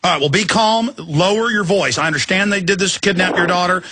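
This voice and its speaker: A man's voice: high voice, fast, noisy background. A man hosting a live radio show, giving a caller urgent, insistent advice and often stammering over repeated words into a studio microphone. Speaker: radio host.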